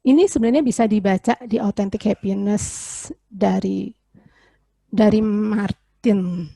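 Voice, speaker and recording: A woman's voice: medium pitch, a little slow, gravelly, mellow, no echo. A woman, a psychologist giving a casual webinar talk to parents, explaining with everyday examples and rhetorical questions over a video call. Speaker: child psychologist presenter.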